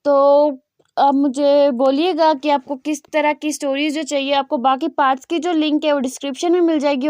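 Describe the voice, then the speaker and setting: A woman's voice: sits high, darkish tone, no room sound. A woman host casually retelling a story to her channel viewers, with many filler words. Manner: fillers, repeats "jo hai" a lot.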